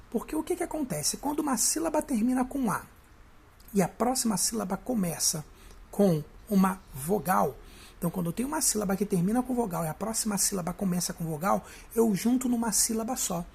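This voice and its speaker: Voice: medium pitch, gravelly, a little mellow, slightly rough. A teacher with a Brazilian Portuguese accent giving a step-by-step video lesson, often checking in with the listener.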